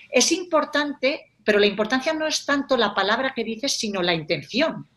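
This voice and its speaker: A woman, a life coach explaining ideas in a casual conversational way and acting out example phrases. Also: medium pitch. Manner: animated, acts out example phrases.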